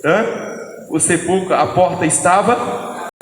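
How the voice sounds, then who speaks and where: A man preaching a fervent sermon to a church congregation, often shouting. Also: sits high, takes it slowly, slight background noise. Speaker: pastor. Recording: echoey church hall, crowd.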